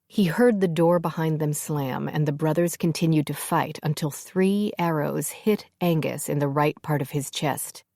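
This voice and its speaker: A woman narrating a fantasy audiobook in a steady, measured storytelling manner. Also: low-pitched, gravelly, no room sound, clean studio sound.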